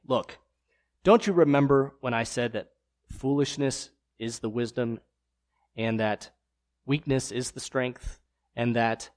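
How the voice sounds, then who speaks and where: A man teaching a Bible passage in a sermon, explaining verses and reading them aloud with fillers between thoughts. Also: mid-range voice.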